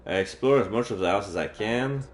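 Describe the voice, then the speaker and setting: A man with a lowish voice briskly reads a visual novel's text aloud while streaming the game. The room echoes, and faint game music plays in the background.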